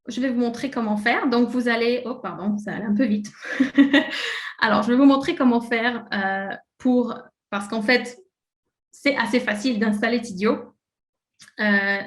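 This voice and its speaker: A woman with a French-speaking Swiss background leads a live online presentation in a relaxed, conversational way. Her voice sits a little high, and she scatters fillers through her sentences. The recording has a noticeably echoey room sound. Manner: casual and chatty, many fillers, laughs at slips. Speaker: presenter of a software webinar.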